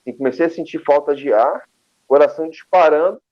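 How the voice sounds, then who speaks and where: A man from Brazil, a guest telling a personal story in casual talk, animated and acting out quoted dialogue with many restarts. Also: a little high, a little fast, lo-fi sound.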